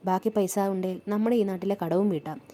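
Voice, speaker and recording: A woman's voice: mid-range voice, fast talker, mellow, lightly acted. A woman voicing a worried young seamstress who pleads and frets. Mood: resigned. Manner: pleading, anxious questions.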